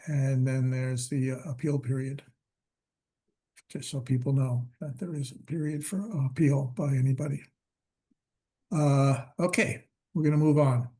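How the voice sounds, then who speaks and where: A man chairing a public commission meeting by video call, talking in a halting way with many fillers, his voice worn from losing it. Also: a little high, mellow.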